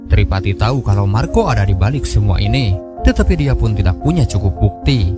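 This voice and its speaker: Low-voiced man narrating over music. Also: lively intonation, a little fast. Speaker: film recap narrator. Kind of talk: scripted storytelling narration. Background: background music.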